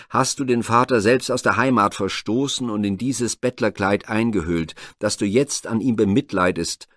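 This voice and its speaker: A man's voice: on the low side, no echo, clean studio sound. A man voicing a bitter, wrathful blind old king in a spoken myth retelling, stern and cursing. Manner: stern, cursing, raising his voice.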